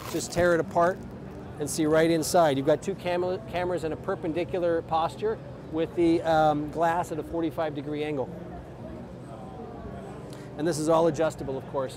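A man in his forties casually explaining camera gear at an outdoor trade show booth, speaking into a lapel mic with plenty of fillers. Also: fairly high pitch. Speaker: company president and filmmaker. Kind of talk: trade show equipment demo. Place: outdoor expo booth under an umbrella. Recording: outdoor crowd noise. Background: crowd chatter.

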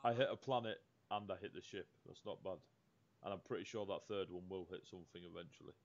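A man's voice: low-pitched, fast talker. A man playing a tabletop game, joking and offhand. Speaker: player. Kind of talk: casual tabletop role-play. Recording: dull lo-fi audio with faint noise.

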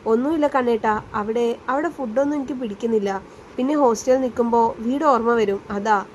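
A woman's voice: on the high side, brisk, darkish tone, slight background noise, close to an everyday voice. A woman reading a storybook voice of a timid young female college student who talks in a hesitant, faltering, pleading way.

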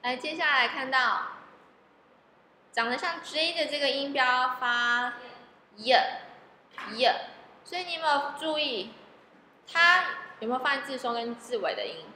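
A woman's voice: high-pitched, animated, moderate pace, bright, forceful tone, a little hiss or hum. A woman teaching English phonics, patiently spelling out letters and repeating each word several times. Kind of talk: phonics lesson, spelling out words. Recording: echoey room with long reverb, faint ambience.

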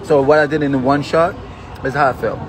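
A young man chatting casually in loose to camera and friends, animated and repeating short phrases. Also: mid-range voice, brisk. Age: young adult. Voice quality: non-native English with loose grammar. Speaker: vlogger, host. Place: outdoor café terrace on a city street. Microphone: phone at arm's length. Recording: noisy busy street, outdoor café chatter.

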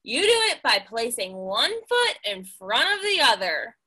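A woman's voice: on the high side, very animated, measured pace, bright, forceful tone, breathy edge, heavily acted. A woman voicing a grumpy little male bird in a storybook, curt and irritated.

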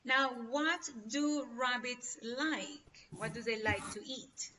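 A woman's voice: fairly high pitch, slow, background noise. A Spanish-speaking woman teaching an online English class, encouraging and often checking in with "ok?". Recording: dull lo-fi video call audio, distant from mic.

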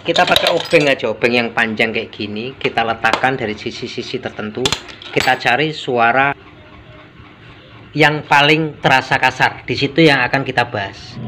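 A man's voice: mid-range voice, noisy background. A man, a mechanic giving a casual hands-on workshop tutorial and explaining each step as he works. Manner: casual, explanatory, mixes in Javanese words. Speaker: motorcycle mechanic. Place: motorcycle workshop.

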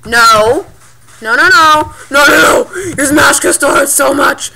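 Her voice is high and gravelly, and she talks at a slow pace while keyboard and mouse clicks rattle in the background. A gaming channel host, she commentates live on her play, excitably yelping, pleading and cheering mid-game.

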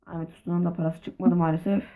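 A woman commenting on her block-building game role-play, excitable, with playful swearing and constant calls to her viewers. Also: on the low side, quick pace, rough recording. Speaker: gaming video creator.

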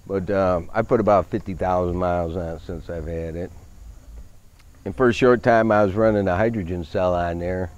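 A man in his fifties, talking casually outdoors at a show field, relaxed and full of fillers. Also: sits low, normal speed, muffled recording. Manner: easygoing, many fillers, technical car talk. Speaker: van owner. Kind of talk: casual interview.

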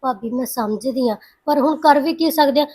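[name], a woman playing a soft-spoken younger sister. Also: high voice, normal speed. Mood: coaxing. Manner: soft, coaxing, sensible. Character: gentle young sister urging calm.

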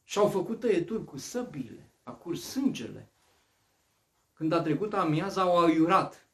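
Man, sermon, high voice, rhetorical, loud then hushed. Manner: animated, rhetorical questions, swings from loud to hushed. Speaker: preacher.

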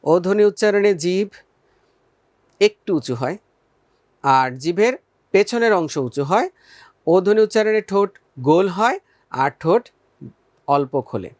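A man gives a recorded school lesson in a fairly high voice, pausing to pose questions and then answer them. He draws out each vowel slowly so students can copy him. The sound is dry and close, with no room echo. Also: lively intonation, a little mellow. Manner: patient, addresses students as friends, asks and answers own questions. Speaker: teacher.

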